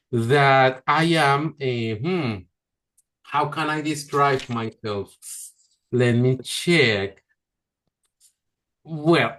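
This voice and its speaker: A man's voice: a little high, fairly bright tone. A man teaching an online English class over a video call, patient and encouraging, often stopping to correct pronunciation.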